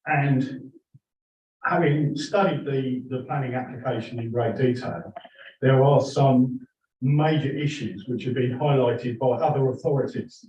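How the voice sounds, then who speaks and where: Man, soft dark tone, earnest halting public speaker, distant muffled room sound. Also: medium pitch, slight background noise. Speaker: member of the public addressing a committee. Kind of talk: formal prepared public statement. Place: indoor council meeting room. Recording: echoey, distant, muffled meeting-room recording.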